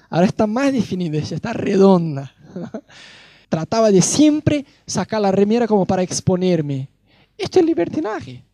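A male preacher giving a sermon, an animated storyteller who jokes about his own youth. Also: high-pitched, no echo. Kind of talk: sermon with personal anecdotes.

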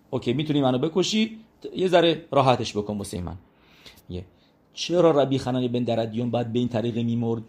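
Male religious teacher, mid pitch, casual storytelling Talmud lesson that keeps repeating "he says". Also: a little mellow.

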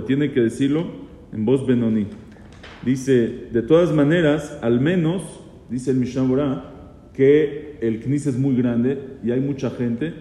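A rabbi with a very dark, mellow voice teaches a class on religious law, quizzing his students and repeating key phrases. He is recorded in a roomy hall with a long echo and faint background noise. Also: mid-range voice. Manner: questions the class, repeats key phrases, mixes in Hebrew terms. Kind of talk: Torah law lesson to students.

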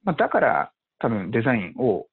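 Guy investor talking fast and lively, bit husky, sounds like over a phone line. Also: medium pitch. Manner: animated, many fillers, acts out quotes. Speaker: venture investor. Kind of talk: casual podcast conversation. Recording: tinny phone-like audio.

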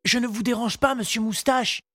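A woman voicing a small, gentle, curious boy who asks eager questions. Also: a little high, steady tone, normal speed, husky, pitched above the performer's own voice. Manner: eager, wide-eyed questioning.

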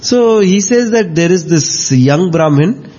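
A man with an Indian accent telling spiritual stories in an animated, conversational way as part of a discussion. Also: high-pitched, slow pace, husky, highs cut off. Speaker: discussion host retelling devotional stories.

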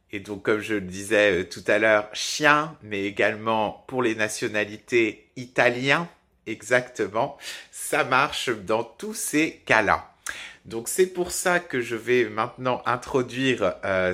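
Slow, halting man teaching French. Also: mid-range voice, bright, forceful tone. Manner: slow, halting, many fillers and restarts. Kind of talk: podcast pronunciation lesson. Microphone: podcast microphone.

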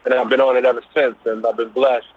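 Husky and quick, his mid-range voice shows little pitch movement. A middle-aged Brooklyn business owner with a New York accent, he's the guest in a casual phone-line interview, easygoing and full of loose fillers as he recounts his background.

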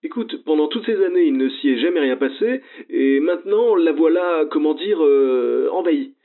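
A man's voice: a little high, expressive, moderate pace, pitched above the performer's own voice. A man voicing a worried older woman friend speaking over a phone filter, hesitant and fretful. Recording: tinny phone line.

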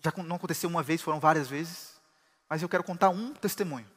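A man preaching a sermon as pastor, building to shouts of praise. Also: fairly high pitch, fast talker, big-room sound.

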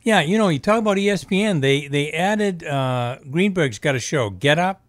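A man's voice: fairly high pitch, lively intonation, normal speed, dry recording. A middle-aged man with a Maine accent, co-hosting a casual sports talk show.

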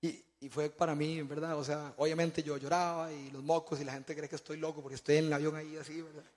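A man speaks to a congregation in a sermon-style testimony, telling his stories with animation. He often stumbles and repeats words as he goes. His fairly high voice rings out with a long hall reverb. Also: flat delivery, quick pace, darkish tone. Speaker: church speaker.

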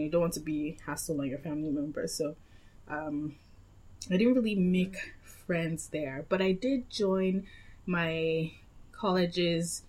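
A woman's voice: deep voice, darkish tone, husky. A young woman from Nigeria chatting casually about places she has lived, rambling and correcting herself as she goes. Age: young adult. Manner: chatty, meandering, with frequent self-corrections. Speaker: guest. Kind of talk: casual chat.

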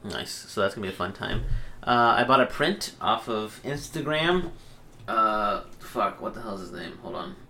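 A man's voice: fairly low pitch, animated, moderate pace, sharp tone, a little hiss or hum. Brief: young male host, casual crude banter, rambling delivery. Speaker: podcast host.

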